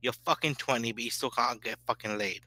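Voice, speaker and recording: A man taking part in a debate stream argues heatedly in an online voice chat, aggressive, insulting, and swearing constantly. His medium-pitched voice is fairly quick, bright, and forceful, with no echo.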